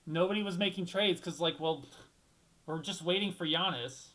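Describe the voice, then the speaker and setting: Rambling, slightly high-voiced young man. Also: moderate pace, pushed and bright, low-quality recording. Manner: rambling, thinks aloud, restarts often; blunt, swears casually. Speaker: host of a solo basketball talk show. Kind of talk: casual solo commentary.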